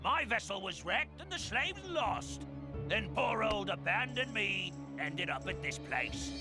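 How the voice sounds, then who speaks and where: An actor playing a cunning, commanding cartoon villain, an imperious warlord who talks like a salty, sardonic pirate. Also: male voice, sits high, sing-song, measured pace, music in the background. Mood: cold, threatening. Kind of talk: animated cartoon acting.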